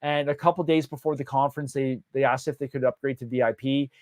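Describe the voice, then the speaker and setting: A man's voice: medium pitch, fairly even intonation, quick pace, dry recording, clean studio sound. A man hosting a casual live question-and-answer session as a conference organizer, talking loosely with many fillers and restarts.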